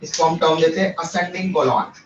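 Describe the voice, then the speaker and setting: In a muffled recording made from across an echoey classroom, a fairly high-voiced man briskly walks students through a biology lesson step by step, peppering his Hindi with English terms. He asks his class question after question, and there's slight background noise.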